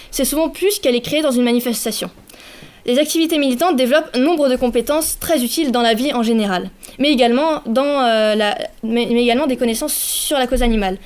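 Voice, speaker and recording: Halting young woman giving a talk. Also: a little high. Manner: halting, with frequent restarts and self-corrections. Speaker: conference speaker for a youth association. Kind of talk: conference talk with audience quiz.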